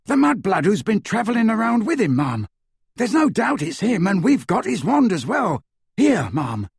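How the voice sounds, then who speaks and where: A cocky young thug pipes up in a high, eager, fairly loud voice, as a male narrator does him. The audiobook sound is close and dry, with a husky edge. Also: wildly swooping pitch, moderate pace, no room sound, exaggerated voice. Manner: eager, piping.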